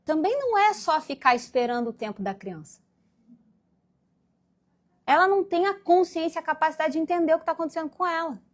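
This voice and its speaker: A woman's voice: extremely high pitch, lively intonation, fairly quick, long pauses. A woman from Brazil giving a spiritual lecture to a congregation, acting out little scenes in different voices as she goes. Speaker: guest speaker at a Spiritist meeting.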